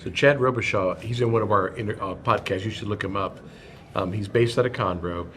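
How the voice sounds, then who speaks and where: A man's voice: on the low side, fairly quick, fairly bright tone, a little hiss or hum. A man from Cuba hosting a casual interview chat, easygoing and agreeable. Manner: easygoing, affirming with frequent yeahs. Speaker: show host.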